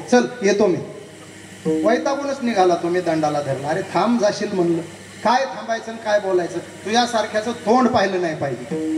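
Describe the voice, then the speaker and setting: A man's voice: sits high, a little mellow, slight background noise. A man preaching a devotional kirtan sermon, telling a story and acting out both sides of the conversation while speaking directly to the crowd. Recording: echoey hall, voice from a distance.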